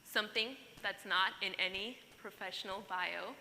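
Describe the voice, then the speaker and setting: A woman's voice: mid-range voice, moderate pace, gravelly, sharp tone. A woman from Pakistan, giving an earnest, emphatic keynote speech to a conference audience. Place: large conference hall. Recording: hall reverb, faint noise.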